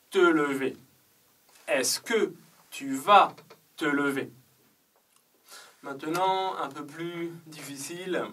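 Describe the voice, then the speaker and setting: Guy teaching grammar, bright tense voice, a bit high, repeats every example. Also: distant mic, rough recording. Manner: deliberate, repeats conjugations in careful steps. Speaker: French teacher. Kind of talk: slow grammar lesson with drilled examples.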